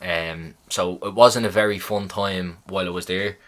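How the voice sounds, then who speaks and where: A man's voice: deep voice, moderate pace. A young man casually telling a story on his podcast, swearing freely and acting out what people said. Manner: profane, animated retelling of a hospital visit. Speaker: podcast host.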